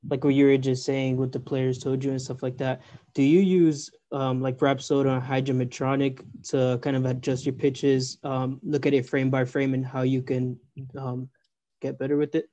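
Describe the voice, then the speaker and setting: A man's voice: medium pitch, flat delivery, normal speed, dark tone. A twenty-year-old man hosting a sports podcast, asking questions in an eager, informal way with many fillers. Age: 20s. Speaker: podcast host, interviewer. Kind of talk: casual interview.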